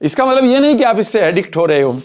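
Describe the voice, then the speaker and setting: A man's voice: high voice, very animated, fast, a little mellow. A man explaining a home recipe step by step, checking in with the viewer as he goes and mixing English phrases into his Hindi. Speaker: wellness coach.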